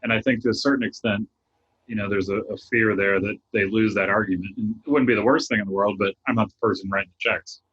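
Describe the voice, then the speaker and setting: A man's voice: on the low side, fairly even intonation, quick pace, fairly bright tone, breathy edge, lo-fi sound. A man talking sports as a podcast guest, arguing his point with self-deprecating hedges. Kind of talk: sports talk.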